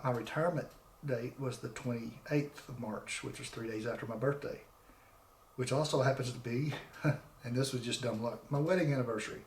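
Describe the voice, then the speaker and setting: This is a mid-range male voice with a roomy sound: a man in his forties doing a casual solo podcast. He speaks into a desk microphone attached to a laptop, rambling and frequently starting over.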